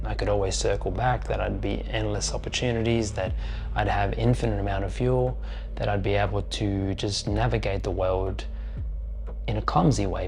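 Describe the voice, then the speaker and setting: A man, musing slowly and thoughtfully in a personal vlog monologue. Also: lowish voice, gravelly, darkish tone, a little hiss or hum. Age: 40s. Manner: slow, thoughtful, pausing often. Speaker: vlogger.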